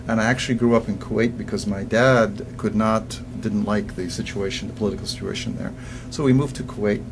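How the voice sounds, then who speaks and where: A man in his sixties from Egypt, a guest business coach in a casual interview, telling stories with lively restarts and repeated words. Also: lowish voice, fairly quick, noisy background. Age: 60s. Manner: animated storyteller who repeats words when starting sentences.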